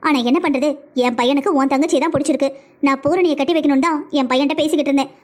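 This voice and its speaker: A middle-aged mother defends her son in this cartoon household, voiced by a woman. Her high voice rushes along, reproachful and emotional. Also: fairly even intonation, close to an everyday voice. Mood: indignant. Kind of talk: cartoon family drama acting.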